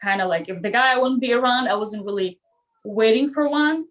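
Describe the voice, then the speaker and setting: A woman in her 30s or older, not a native English speaker, talks casually in English as a podcast guest. Her voice is fairly high and moves at a normal speed as she retells personal anecdotes, quoting dialogue along the way.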